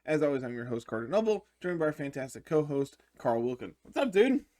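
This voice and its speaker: A man's voice: a little high, sing-song, dark tone. Upbeat man hosting a gaming podcast. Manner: upbeat, quick agreeing interjections. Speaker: podcast host. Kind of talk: casual gaming podcast chat.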